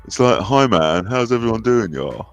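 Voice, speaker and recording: A man putting on a laid-back street-talking dude voice with loud, drawling greetings. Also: fairly low pitch, animated, normal speed, clear, resonant tone, highs cut off, soft background music. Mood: breezy.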